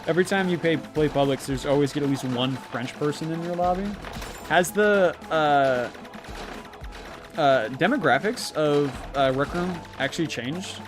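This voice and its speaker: Guy streaming a game, kinda high voice, rambles and laughs a lot, faint music behind. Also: moderate pace. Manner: rambling, chuckles often, many fillers and restarts. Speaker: livestreamer. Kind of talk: casual livestream chat while gaming.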